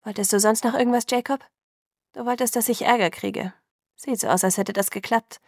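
A woman's voice: on the high side, fairly even intonation, fairly quick, a little mellow, no echo, studio quality. A woman reading a defiant teenage girl.

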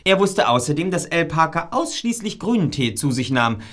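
A man's voice: on the high side, very animated, normal speed, a bit bright. An actor playing a self-assured young male detective in an audio drama, precise and wordy. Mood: explaining, self-assured. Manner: precise, wordy, know-it-all.

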